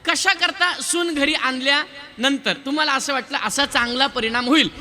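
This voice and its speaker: A male devotional preacher delivering a lively sermon, teasing and quizzing his live audience. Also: very high-pitched, normal speed. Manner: lively, quizzes and teases the crowd, counts raised hands. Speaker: kirtan preacher.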